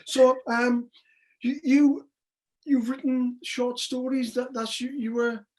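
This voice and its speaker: A woman interviewing authors over a video call, speaking haltingly with many restarts. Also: sits high, level tone, darkish tone. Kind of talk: casual interview.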